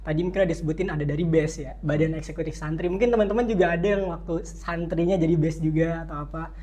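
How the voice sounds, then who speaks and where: A young podcast host with a mid-range voice leads a casual campus interview. The host talks in a chatty, loosely strung style and keeps nodding along with quick acknowledgements. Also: medium pitch, fairly even intonation, mellow. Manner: chatty, loose phrasing, lots of short acknowledgements.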